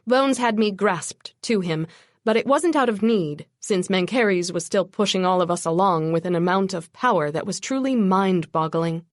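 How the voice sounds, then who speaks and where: A woman reads a first-person urban fantasy audiobook with a wry, brisk edge. Her voice sits at a middle pitch, and the recording is close and dry with no room sound. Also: no room sound. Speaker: audiobook narrator.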